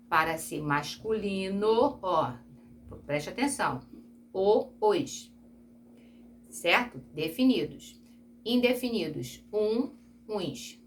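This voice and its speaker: Brazilian woman teacher, mid-pitched, patient, repeats examples for kids, faint noise behind. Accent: Brazilian Portuguese. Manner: patient, repeats and spells out examples with frequent check-ins. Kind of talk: recorded Portuguese grammar review lesson.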